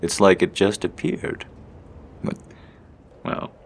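A man doing a chatty, reassuring deep-voiced stranger. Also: big pitch swings, slow, creaky, slight background noise, full character voice. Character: friendly stranger named Henry, adult man, cheerful and helpful. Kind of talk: audio roleplay.

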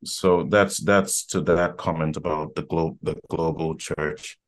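A man's voice: a bass voice, steady tone, measured pace. A man from Ghana, a guest on a podcast, speaking thoughtfully and repeating words as he builds his points. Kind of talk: casual podcast conversation.

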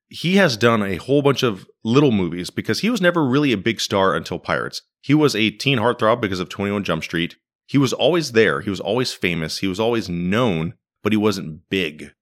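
A man's voice: on the low side, a bit bright. A man hosting a podcast in casual, wry conversational commentary, recorded in a living room. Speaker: podcast host. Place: living room used as a home studio.

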